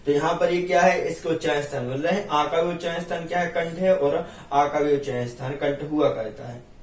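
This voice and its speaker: A man teaching Sanskrit grammar in a lecture, asking questions and then answering them himself, and chanting rules slowly. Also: fairly high pitch, steady tone, recorded from a distance. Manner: asks and answers his own questions. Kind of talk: classroom lecture. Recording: echoey room, voice off-mic.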